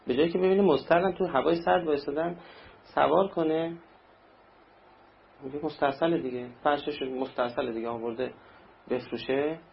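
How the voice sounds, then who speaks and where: A man's voice: a little high, fairly even intonation, creaky, long pauses, a little hiss or hum. A man preaching a sermon in a conversational way, acting out little anecdotes. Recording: dull lo-fi recording with faint ambience.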